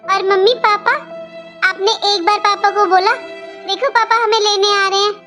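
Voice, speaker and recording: A woman's voice: very high-pitched, little pitch movement, moderate pace, music in the background. A woman voicing a young, outspoken girl in a cartoon, talking in an earnest, pleading way. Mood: comforting. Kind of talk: cartoon voice acting.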